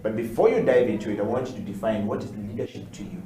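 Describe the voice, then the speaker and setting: A man's voice: lowish voice, expressive, very fast, dark tone. A man hosting an interview show as a leadership coach, asking long, rambling questions. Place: studio. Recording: echoey studio with faint noise.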